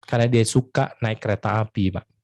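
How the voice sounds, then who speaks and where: A man doing a humble, saddened father begging forgiveness. The voice drops lower and softer than his own, slow and sincere, as in a story told on stage. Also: dry recording, natural voice. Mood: apologetic, sad. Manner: apologizing softly, repeating "Pak". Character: apologetic middle-aged father, humble and sad.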